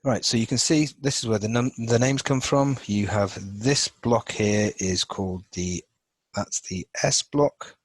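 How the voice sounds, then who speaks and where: Man, chemistry teacher, husky, fairly low voice, rambling with fillers, dry recording. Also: no echo, low-quality recording. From England. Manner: thinks aloud while coloring a chart, with many fillers and restarts. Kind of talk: informal lesson over a drawn screen.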